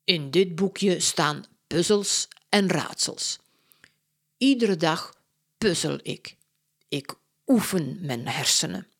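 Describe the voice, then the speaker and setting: A woman voicing a polite older male detective who speaks in a slow, measured, courteous way. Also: lowish voice, expressive, heavily acted.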